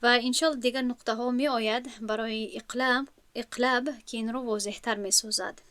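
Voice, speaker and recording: A woman's voice: a little high, steady tone, a bit bright, no room sound. A woman with a Tajik accent, teaching an online lesson on recitation rules and drawing out example words with care. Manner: slow, careful, drawn-out demonstration of words.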